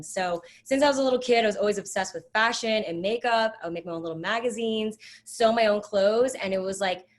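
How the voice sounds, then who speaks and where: Brief: upbeat woman in her thirties, casual panel talk, middle pitch. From United States. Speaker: panelist, influencer.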